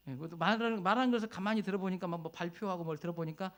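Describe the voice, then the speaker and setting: With a high voice and fairly even intonation, a male pastor races through a sermon built around a personal story. He keeps it conversational but rises to loud emotional peaks and falls to near whispers.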